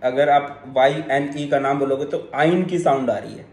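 A man's voice: medium pitch, moderate pace, darkish tone, roomy sound. A man teaching a chemistry lecture online, explaining step by step, switching into English terms and joking with his students.

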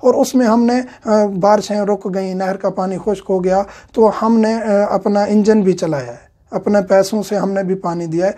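A man teaching a religious lecture in a steady, explanatory way, with frequent filler sounds. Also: high-pitched.

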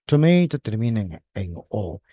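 A man teaching an online English lesson, patiently repeating words and often checking in with "right?", with a gravelly, husky voice. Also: lowish voice, big pitch swings, measured pace, dry recording, muffled recording. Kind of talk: online lesson explaining grammar.

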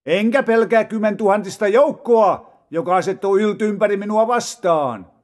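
A man reading psalms aloud in a solemn, measured way with dramatic rises and falls. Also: high-pitched. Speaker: Bible reader. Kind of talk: scripted scripture reading.

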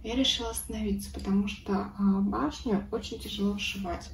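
A chatty, slightly hoarse woman vlogger shows her cross-stitch while chatting casually at a table at home, dropping into whispers and laughing softly. Her medium-pitched voice is steady and fairly quick, picked up by a distant mic in an echoey room with a noisy background.

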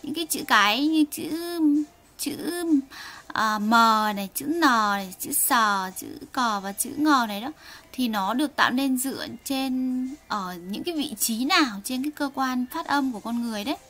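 A woman's voice: high-pitched, lively intonation, fairly bright tone. Woman teaching Korean, patient drill. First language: Vietnamese. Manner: slow, patient, drills sounds for students to repeat. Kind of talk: online language lesson, reading aloud for learners.

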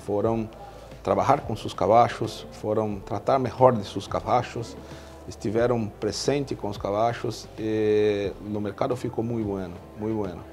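A man in his thirties, a veterinarian, answering interview questions in Spanish with a Brazilian Portuguese accent, halting with many fillers and restarts, recorded on a lapel mic at an indoor stand. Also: on the low side, steady tone, a little mellow. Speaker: veterinarian in equine nutrition.

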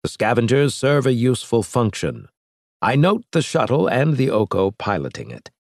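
A man's voice: medium pitch, very animated, no echo, clean studio sound, pitched above the performer's own voice. A man doing a scratchy, cold alien strategist. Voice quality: scratchy disguised voice. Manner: measured, clipped and condescending. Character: cold alien strategist, male, calculating and superior. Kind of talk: audiobook character voice.

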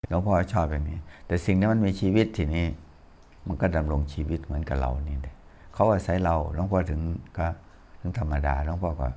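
A man's voice: deep voice, mellow. An older man, a Buddhist monk, giving a casual, folksy sermon full of anecdotes and chuckles. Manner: chatty, folksy, chuckles while telling stories.

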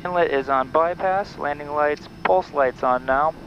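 Unhurried and on the high side, this man in his thirties is a bush pilot in a small plane's cockpit. Over his headset he makes radio calls and methodically runs through his checklists step by step, out loud. Engine noise lies under the muffled headset sound.

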